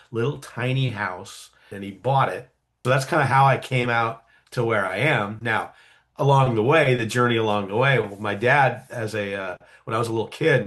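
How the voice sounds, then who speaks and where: A man telling a story casually in an interview, animated, with many fillers and quick acted-out quotes. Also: fairly low pitch. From California, USA. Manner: animated, acts out quoted voices, frequent fillers. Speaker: guest storyteller.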